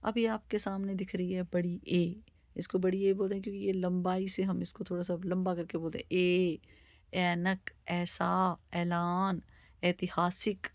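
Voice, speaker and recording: Slow, even-toned woman teaching letters. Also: on the low side, no room sound, studio quality. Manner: slow, deliberate word-by-word reading. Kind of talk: slow spoken Hindi alphabet lesson.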